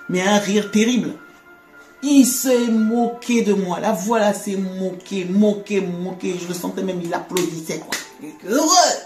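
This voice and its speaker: A woman giving a conversational faith testimony, animated, laughing often and repeating words. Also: mid-range voice, measured pace. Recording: echoey room with faint music.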